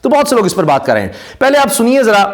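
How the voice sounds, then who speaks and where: A man, giving casual spoken commentary on news clips, talking at length with many drawn-out pauses and fillers. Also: very high voice, very animated. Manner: talkative, frequent "aa" fillers and pauses. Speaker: YouTube commentator.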